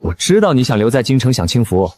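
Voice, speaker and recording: A gruff, hot-tempered young swordsman, played by a woman dropping her voice low. he snaps out blunt, scolding lines and talks like a rough wanderer. the voice sounds husky. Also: very animated, quick pace, mellow, heavily acted. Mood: teasing. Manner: brusque, scolding. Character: gruff young male bounty hunter, hot-tempered senior brother.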